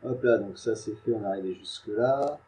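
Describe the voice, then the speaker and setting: A man talks through a game at his home computer, rambling, joking at his own expense and muttering asides. His voice sits fairly low and sounds mellow and relaxed rather than bright. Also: brisk, slight background noise. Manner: chatty, self-mocking, mutters to himself. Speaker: gaming YouTuber. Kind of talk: casual gameplay commentary.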